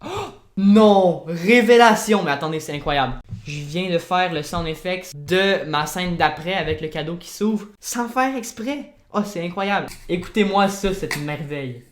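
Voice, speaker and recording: A man with a Québécois accent chats his way through a vlog as he works. He is excitable and bursts into loud, happy exclamations whenever something goes well. His voice carries a roomy echo. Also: a little high, moderate pace, few pauses, slight background noise. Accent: Québécois French. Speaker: video editor and YouTuber. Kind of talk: casual vlog commentary while working.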